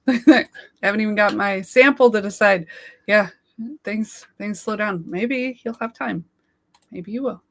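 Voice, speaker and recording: This livestream co-host speaks in a mid-range, slightly bright voice, measured and creaky, with long pauses. She's chatty and giggly, thanking viewers along the way while her voice fades.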